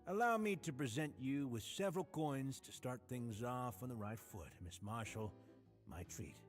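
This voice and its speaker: Man doing a polite hotel bartender, genteel, animated pitch, soft game music. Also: normal speed, natural voice. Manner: genteel and polite, oddly eager. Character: suave, courteous male hotel bartender who collects ears. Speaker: game character.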